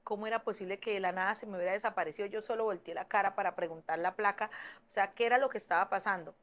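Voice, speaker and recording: A young woman telling a personal story in an earnest way, with halting restarts and fillers. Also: medium pitch, steady tone, fairly bright tone. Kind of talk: personal story told to camera.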